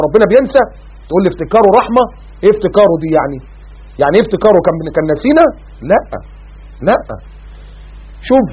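A man's voice: high voice, husky. A man with an Egyptian Arabic accent preaching on a studio religious show, firing off rhetorical questions and quoting scripture. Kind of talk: religious talk show sermon. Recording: narrow phone-like band.

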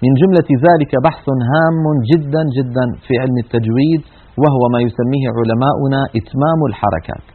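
A man gives a broadcast tajweed lesson, explaining carefully and stretching out sounds to demonstrate them. His delivery is quick and his voice somewhat husky and a little high. The audio is thin and tinny, like a phone line. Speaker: Quran recitation teacher.

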